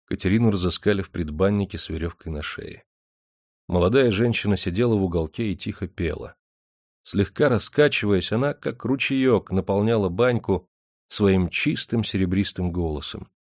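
A man reading an audiobook in measured, even storytelling narration. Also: sits low, dry recording, clean studio sound.

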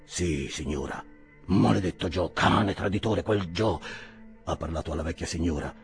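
A man's voice: low-pitched, normal speed, gravelly, soft background music, pitched below the performer's own voice. A man reading an audiobook, voicing a scheming swindler who talks in clipped, staccato phrases with melodramatic flair. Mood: urgent. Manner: theatrical, melodramatic. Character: smooth-talking scheming adult male swindler.

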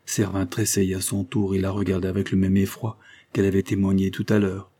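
A man reads a classic novel aloud as a measured, even storyteller. His voice sits low and sounds dark and husky. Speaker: audiobook narrator. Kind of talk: scripted literary narration.

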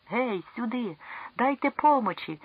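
Reader playing a sharp, commanding companion shouting orders, breathy tone, dry dull recording. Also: mid-range voice, expressive, normal speed, no room sound, pitched above the performer's own voice. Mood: frantic. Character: anxious older companion, stern then frantic.

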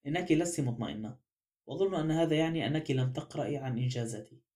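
A proud, pompous master detective who insists on his own greatness, as a man reads him aloud. The voice sits a little high for a man yet sounds mellow and dark. It comes from a spoken audiobook. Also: very fast, lightly acted. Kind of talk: audiobook character reading.

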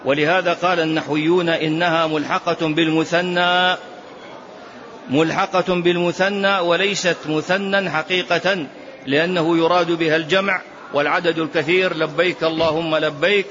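A man's voice: on the high side, fairly even intonation, normal speed, a bit bright, slight background noise. A man teaching a religious lesson, explaining a text and repeating key phrases for emphasis, sometimes drawing them out in a chant. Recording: dull lo-fi lesson recording.

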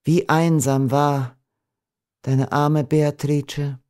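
A gentle young woman in a storybook reading, tender and doomed, put on by a male narrator. The voice sits higher and softer than his own and moves slowly. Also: level tone, smooth. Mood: tender, pleading. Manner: soft, pleading, raised pitch.

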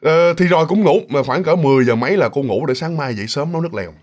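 A man telling a ghost story in an animated, repetitive way, often speaking to his listeners. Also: on the high side, quick pace.

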